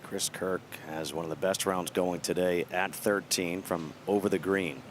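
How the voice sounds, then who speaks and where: A man's voice: low-pitched, steady tone, moderate pace, background noise. A man hosting live golf coverage as a commentator.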